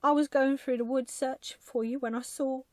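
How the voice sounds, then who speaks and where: A bewildered, devoted husband from a bedtime storybook, played by a woman. He sounds plaintive and emotional, lifted higher than the reader's own voice. The soft ASMR delivery is dry and close. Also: fairly even intonation, moderate pace, dry recording, lightly acted. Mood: tearful amazement. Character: anxious, tearful, devoted husband, easily bewildered.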